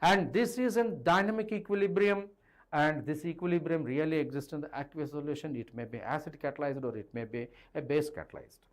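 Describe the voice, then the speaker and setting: Wearing a clip-on lapel mic, a middle-aged, Indian-accented chemistry teacher works at a digital board in an indoor teaching studio, running an online lesson. He talks straight to his students and moves between languages. His voice is fairly high-pitched and a little fast.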